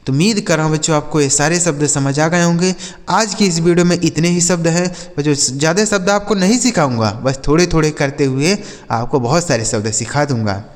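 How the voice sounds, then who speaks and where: A brisk man with a fairly high voice runs a slow spelling-and-translation lesson for kids, teaching English vocabulary in Hindi. He treats viewers as children, spelling words out letter by letter and repeating each example sentence twice, recorded with a big-room sound.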